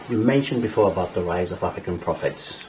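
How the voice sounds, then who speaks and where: Deep-voiced male interviewer. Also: animated, quick pace, darkish tone, a little hiss or hum, low-quality recording. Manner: brief, plain questions. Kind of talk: interview questions.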